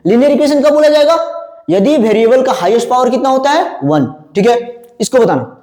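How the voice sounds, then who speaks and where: A man teaching a math class, firing quick questions at his students and answering them himself. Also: extremely high pitch, animated, darkish tone. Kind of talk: classroom lecture. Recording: echoey room with long reverb.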